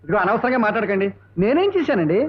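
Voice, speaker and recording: A brash young rickshaw puller talks quickly in a very high voice. It comes from an old film comedy with a dull, lo-fi sound. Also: male voice, big pitch swings, husky, exaggerated voice. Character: young man pedaling a rickshaw. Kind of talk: 1980s film comedy dialogue.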